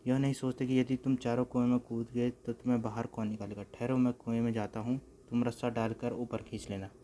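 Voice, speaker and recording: Male narrator as a gruff cartoon gang chief, commanding, flat and level. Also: medium pitch, a little fast, slight background noise, natural voice. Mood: stern. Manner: scolding and commanding. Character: stern middle-aged male village chief of thieves.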